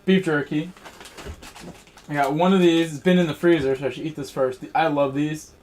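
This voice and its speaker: Laid-back guy streaming, kinda higher voice, rambles while snacking, bit of faint hiss behind. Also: steady tone, moderate pace, a little mellow, poor audio. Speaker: sim racing streamer. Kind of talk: casual live-stream chat. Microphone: headset.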